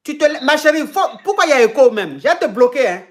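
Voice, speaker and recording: High-voiced Ivorian woman hosting a call-in. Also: expressive, quick pace. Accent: Ivorian French. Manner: retells the caller's story back to her, repeating phrases. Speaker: advice show host. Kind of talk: live call-in advice chat.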